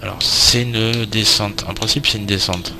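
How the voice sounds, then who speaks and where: A man's voice: fairly low pitch, fairly even intonation, normal speed, gravelly. A man casually commenting on his gameplay, with informal, muttered reactions. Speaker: gameplay video creator. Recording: noisy, game audio behind. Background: game sound and ambience.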